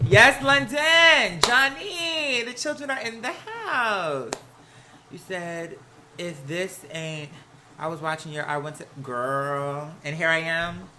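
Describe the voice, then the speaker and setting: An American livestream host chats casually from home in a campy, sassy, slang-filled style, her voice medium-pitched, bright and forceful. Laundry runs nearby, adding some household noise behind her.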